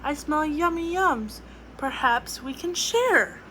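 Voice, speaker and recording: A woman's voice: sits high, animated, slow pace, fairly bright tone, a little hiss or hum, voice pushed up, exaggerated voice, low-quality recording. A woman voicing a friendly badger in a storybook, cheerful and eager to share. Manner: cheerful and sharing.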